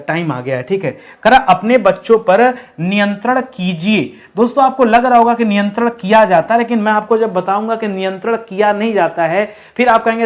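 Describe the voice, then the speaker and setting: A man with a high, light voice teaches an exam-prep lesson. He explains each point step by step, keeps asking his students a question and then answering it himself, and slows right down to spell out key words. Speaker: Hindi teacher.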